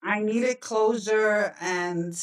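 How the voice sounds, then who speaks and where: Animated woman telling her story, off-mic. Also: medium pitch, extremely slow, recorded from a distance, poor audio. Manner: animated, acts out her own quotes. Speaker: guest. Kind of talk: casual storytelling.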